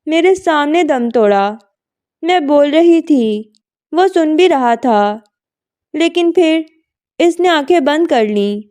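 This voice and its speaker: A woman reading a novel aloud voices a grief-stricken young woman sobbing over her lost love and pleading through tears, distraught. She pitches her voice high, above her own, with a dark tone and lively intonation, taking it slowly.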